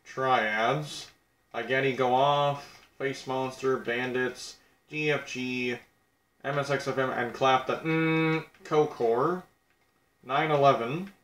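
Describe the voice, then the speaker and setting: A man's voice: medium pitch, steady tone, takes it slowly, fairly bright tone, echoey room. Crude young man calling game eliminations. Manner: blunt, crude, self-mocking. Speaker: game commentator. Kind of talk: casual game commentary.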